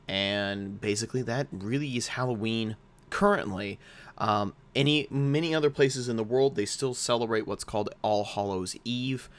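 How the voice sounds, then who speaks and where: Host: young American man, low-pitched, casual rambling explainer full of restarts. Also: a bit bright. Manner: rambling, with frequent fillers and restarts.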